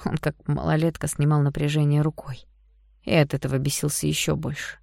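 A woman reading a novel aloud in even, measured narration. Her voice sits low with a gravelly fry. It is recorded close and dry, with no room sound. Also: no room sound. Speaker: audiobook narrator. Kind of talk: scripted narration.

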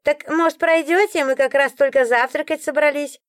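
A woman's voice: high-pitched, fairly even intonation, moderate pace, dry recording, clean studio sound, pitched above the performer's own voice, lightly acted. A woman voicing a fussy old landlady, fawning and sugary with guests and grumbling otherwise, in an audiobook. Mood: sugary fussing. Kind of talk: audiobook character voice.

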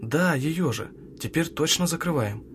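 A man voicing a tense security man who barks orders loudly. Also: a little high, lively intonation, unhurried, noisy background, pitched above the performer's own voice. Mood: commanding. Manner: loud, commanding.

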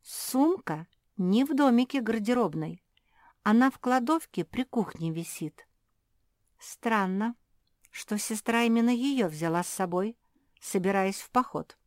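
A woman's voice: mid-range voice, expressive, measured pace, a little mellow, no room sound, clean studio sound, voice pushed up, close to an everyday voice. A woman reading aloud and voicing a thoughtful, reasoning pug sister. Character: thoughtful sensible eldest female pug.

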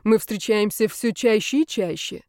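A woman's voice: medium pitch, normal speed, darkish tone, no room sound, clean studio sound, lightly acted. A woman reading the part of an arrogant, teasing young male student in an audiobook. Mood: smug. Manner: haughty, teasing.

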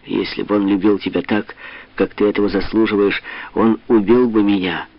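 A man voicing a grey-haired, hot-tempered old Corsican father who talks slowly, heavily and sternly, on a dull lo-fi audiobook recording. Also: sits low, dry recording. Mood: furious.

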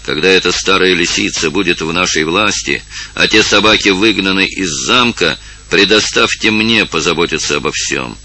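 A man reading aloud and voicing a cruel male nobleman who speaks slyly and low. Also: moderate pace, bright, forceful tone, exaggerated voice. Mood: scheming. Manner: sly, low.

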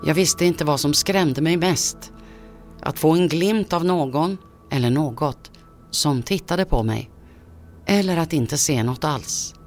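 A man tells a creepy first-person story as scripted narration. His delivery is tense and measured, in a voice that sits a little high for a man. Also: faint music behind.

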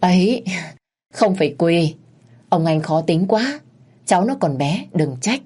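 A woman's voice: fairly low pitch, moderate pace, darkish tone, close to an everyday voice. A woman voicing a rich, two-faced mother-in-law who speaks in a sugary, ingratiating way. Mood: falsely sweet.

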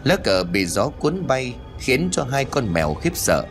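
A man narrating a ghost story in an expressive, dramatic storytelling manner. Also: mid-range voice, unhurried, soft background music.

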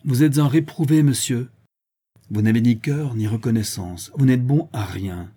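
A man's voice: medium pitch, normal speed, warm tone, breathy edge, lightly acted. A man voicing a stern, angry elderly father who gives harsh, commanding orders and raises his voice.

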